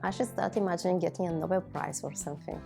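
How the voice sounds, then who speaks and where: Speaking over music, this video blogger has a fairly low, gravelly voice. She's a native Bulgarian speaker from Bulgaria in her thirties, reflecting personally to her viewers in deliberate, measured phrases.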